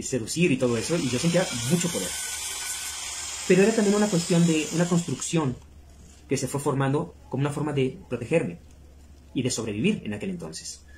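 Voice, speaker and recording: A man's voice: medium pitch, a little mellow. A middle-aged man, hosting a video and explaining things casually to viewers. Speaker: video host. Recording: clear background noise.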